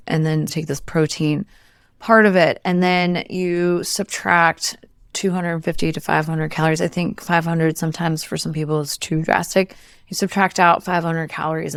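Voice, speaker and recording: A woman co-hosting a podcast, calmly explaining protein and calorie math step by step. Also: low voice, gravelly, clear, resonant tone, no room sound, clean studio sound. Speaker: podcast co-host, nutrition expert. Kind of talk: casual explanatory chat.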